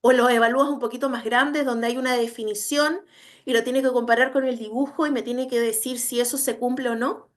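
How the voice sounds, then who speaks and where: Brisk and steady in tone, a woman with a slightly high voice lectures online about educational assessment. She stresses points emphatically and checks understanding through frequent tag questions.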